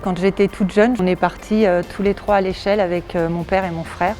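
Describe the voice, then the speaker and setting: A woman's voice: medium pitch, steady tone, brisk, warm tone, faint music behind. A woman in her forties, a volunteer firefighter, speaking plainly and earnestly in an interview with some hesitations. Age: 40s. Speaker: volunteer firefighter and nursing assistant. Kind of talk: interview testimony.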